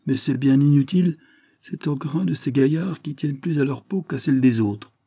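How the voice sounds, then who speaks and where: An audiobook reader playing a chatty, self-satisfied prison guard. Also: male voice, on the high side, brisk, mellow, breathy edge, no room sound, studio quality, voice pushed up. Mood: smug. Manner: chatty, smug.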